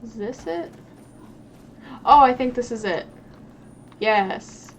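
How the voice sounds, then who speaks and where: A woman's voice: fairly high pitch, expressive, takes it slowly. A young woman streaming a game and chatting casually, swearing and talking to the characters as she plays. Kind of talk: casual gameplay commentary. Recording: noisy stream audio.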